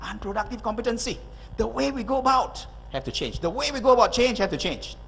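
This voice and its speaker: A man's voice: very high voice, expressive, brisk, vocal fry, a bit bright, in a large hall, a little hiss or hum. A middle-aged man giving an emphatic motivational speech to an audience, full of rhetorical questions. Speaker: motivational speaker and consultant. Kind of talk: public speech.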